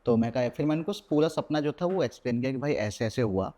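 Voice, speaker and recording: A fast-talking young man with a mid-range voice tells a personal horror story as a podcast guest. He narrates animatedly in Hindi while mixing in English words.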